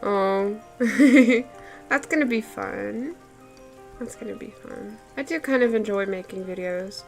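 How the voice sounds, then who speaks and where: Drawing on a live stream with soft music in the background, a woman speaks slowly in a gravelly, mid-range voice. Her first language is Afrikaans, and she keeps up a chatty, giggly conversation, leaning on fillers like "like" and laughing often.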